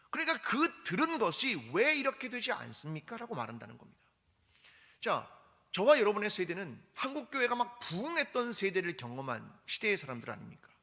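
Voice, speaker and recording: A man's voice: high-pitched, pushed and bright. A man preaching a sermon as pastor, firing rhetorical questions and leading the congregation in reading scripture aloud. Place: church hall. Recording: long hall reverb.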